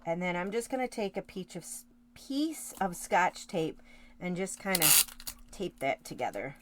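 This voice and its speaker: A woman's voice: fairly low pitch, sing-song, measured pace, a little hiss or hum. A woman hosting a card-making tutorial, chatting casually with live viewers while she works, with rambling asides and self-corrections. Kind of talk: casual craft demonstration.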